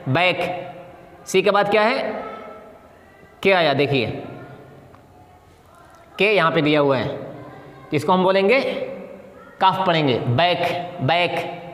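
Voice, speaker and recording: एक पुरुष शिक्षक बोर्ड पर सबक समझाते हुए, धीरे-धीरे और हर मिसाल के शब्द को कई बार दोहराते हुए।. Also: male voice, sits high, a bit bright. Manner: slow, repeats example words several times. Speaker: English teacher. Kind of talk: classroom lesson at a board. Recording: echoey room with long reverb.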